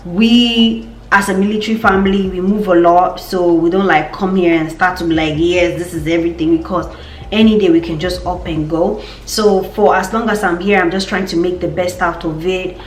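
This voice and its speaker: A woman's voice: fairly low pitch, fairly even intonation, moderate pace, reverberant, slight background noise. A young woman with a Nigerian accent, chatting casually in a vlog update and repeating words for emphasis. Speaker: vlogger.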